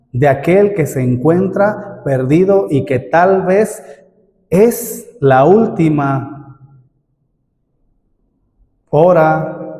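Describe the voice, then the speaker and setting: In a church hall with long, echoing reverb, a middle-aged man delivers a sermon. His voice sits a little high and sounds warm, and he keeps calling his listeners "brother" while posing one rhetorical question after another.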